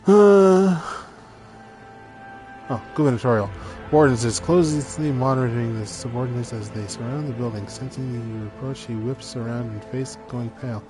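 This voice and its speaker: A man's voice: mid-range voice, steady tone, a little fast, few pauses, low-quality recording. Man reading a game aloud over music. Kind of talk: dramatic read-aloud narration of a game with casual asides. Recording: music behind the voice.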